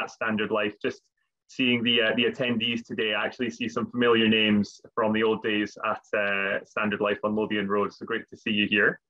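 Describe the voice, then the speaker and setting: A man in his thirties presents a business webinar over a video call from his home office, frequently repeating words as he talks. His voice is mid-range and sharp-toned, and the video call audio is dull and lo-fi.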